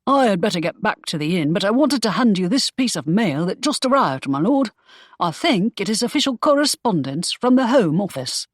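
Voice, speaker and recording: A woman's voice: mid-range voice, no room sound, studio quality. Woman voicing a jovial, chatty young man. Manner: jovial and brisk.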